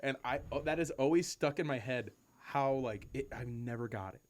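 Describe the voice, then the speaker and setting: A man co-hosting a podcast from home, telling animated, profane stories and laughing often. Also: medium pitch, normal speed. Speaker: podcast co-host. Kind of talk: casual chat. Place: home room with cats nearby.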